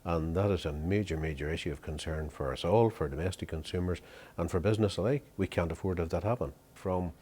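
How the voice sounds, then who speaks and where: A man's voice: sits low, fast talker, a little mellow, slightly rough. An older man with a Northern Irish accent giving serious, wordy, unscripted answers like a politician in an interview.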